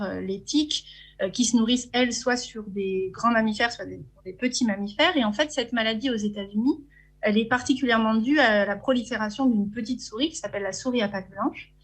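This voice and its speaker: A woman with a French accent giving an academic conference talk from slides, hesitant, with frequent fillers and restarts. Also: a little high. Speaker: conference speaker.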